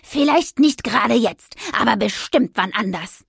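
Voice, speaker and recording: A woman's voice: a little high, expressive, a little slow, vocal fry, breathy edge, no room sound, studio quality, heavily acted. A woman voicing a hot-tempered, self-righteous young witch in an audio story, brash and indignant. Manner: indignant, brash, shouting at passers-by.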